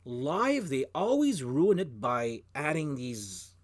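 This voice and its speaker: A man's voice: medium pitch, sing-song, slow pace. Man, Canadian French accent, music show host, casual blunt chat, rambling, swears.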